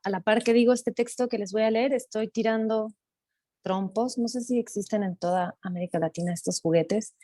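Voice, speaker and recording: A woman's voice: mid-range voice, darkish tone, no echo. A woman from Mexico, a playwright, reading a theatre monologue aloud with rhythmic, repeated words. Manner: repetitive, rhythmic listing of words. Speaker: playwright and performer.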